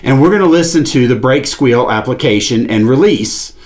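A man in his forties gives a step-by-step product demonstration from a table in a compact, padded-wall studio. His voice sits at medium pitch, with lively intonation and an ordinary speaking rate.

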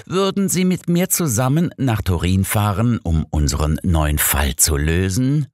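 A smug, lecturing old detective holds forth in a low, lively voice, as a man reads him aloud. His tone stays superior and a little needling. The audiobook recording is dry and close. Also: a little slow, dry recording. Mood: coaxing. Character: sharp, know-it-all older male detective.

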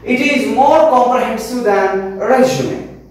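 Echoey high-voiced Indian English teacher. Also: male voice, takes it slowly. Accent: Telangana Indian English. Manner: repeats definitions, asks and answers own questions. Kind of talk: online class lecture. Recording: very echoey room, mic far off.

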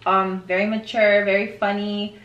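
A woman's voice: mid-range voice, level tone, normal speed, a bit bright, lo-fi sound. A woman in her late twenties co-hosting a podcast, chatting casually and rambling with friends around a table mic in a living room. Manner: chatty, rambling, laughs often. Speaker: podcast co-host. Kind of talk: casual chat among friends. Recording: roomy living room sound.

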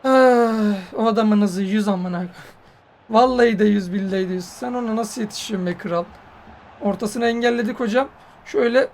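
A man with an unusually high voice and a gravelly, fry-laden edge commentates on his own football game match. He is hot-tempered, cheers his players, and curses at the game whenever it crosses him. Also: moderate pace, a little hiss or hum. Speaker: gaming YouTuber.

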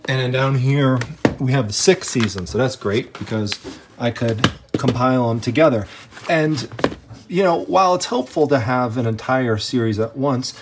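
A man with a medium-pitched voice and a moderate pace chats casually as a treasure-hunting vlogger, filming his walk through an estate sale house by hand from a first-person view. He fills his talk with "I mean" and "you know," over some background noise.

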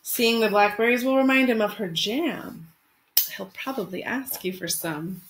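In a small room at home, a woman in her thirties who teaches elementary school reads to children as if from a picture book, keeping things simple and expressive. Her voice sits in the mid range at a normal speed. The audio is poor, a home webcam recording with faint noise.

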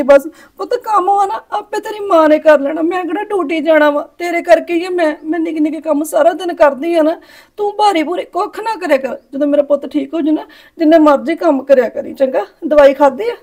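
A woman's voice: very high-pitched, brisk, darkish tone. A woman playing a tender, worn-down mother who keeps comforting her blind daughter with repeated reassurances. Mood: consoling. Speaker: actor in a family short film. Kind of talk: melodramatic village drama acting.

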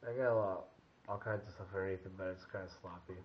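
Drunk young guy sleep talking, low slurred rambling, muffled noisy camcorder sound. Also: fairly even intonation, quick pace. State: drunk and half asleep. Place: lying on the floor of a small dim room. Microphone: handheld camera close by. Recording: muffled home camcorder audio, hissy, clicks.

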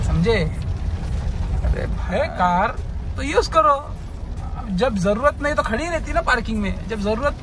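A man's voice: very high-pitched, vocal fry, noisy background. A young man vlogging in casual chat, joking and talking straight to his viewers. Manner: chatty and joking, addresses viewers directly.

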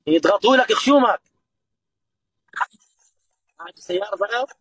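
A man's voice: high-pitched, lively intonation, normal speed, fairly bright tone, slightly rough, no room sound, low-quality recording. An older man with a Levantine Arabic accent, bantering on a livestream in a grumbling, exasperated manner. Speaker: livestream guest sheikh.

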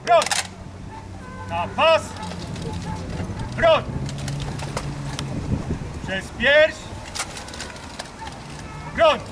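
A man barking clipped military commands like a drill sergeant, with long pauses, outdoors on a parade square. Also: very high voice, very animated. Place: open-air town square at a military ceremony. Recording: noisy outdoor recording, at a distance.

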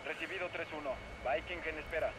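A man's voice: on the high side, fast, a bit bright, slight background noise, close to an everyday voice. An actor playing a male attack pilot using clipped military radio talk. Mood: terse.

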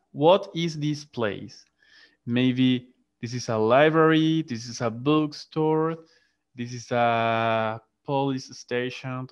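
A man teaching an online English class in Spanish and English, patiently repeating vocabulary and calling on students. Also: medium pitch. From Latin America. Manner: patient, repeats and drills words aloud. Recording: muffled online class audio.

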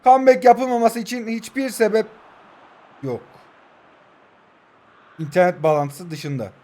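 High-voiced and mellow, this Turkish mobile football player in his 20s speaks unhurriedly but with big pitch swings. His live commentary is heated, cheering his players on and mocking whoever he's up against.

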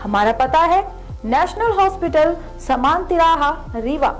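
A woman narrates a scripted advertisement. Her voice is high, with faint music underneath. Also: lively intonation, measured pace. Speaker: advertisement voice-over.

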